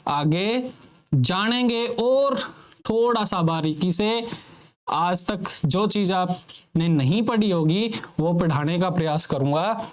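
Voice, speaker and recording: In a slow, unhurried lecture, a male teacher whose voice is a little high for a man goes over each point twice. He keeps putting questions to his students before answering them himself.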